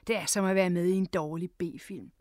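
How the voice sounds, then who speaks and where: A woman's voice: on the low side, steady tone, a little mellow, dry recording, studio quality, natural voice. Woman telling it as a wry, proud TV man. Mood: scornful.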